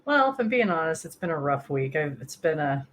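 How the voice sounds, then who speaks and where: A woman's voice: deep voice, sing-song, brisk, dull audio. A woman co-hosting a podcast, telling stories about herself in casual chat and laughing at her own mishaps. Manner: self-deprecating, laughing storyteller. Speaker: podcast co-host.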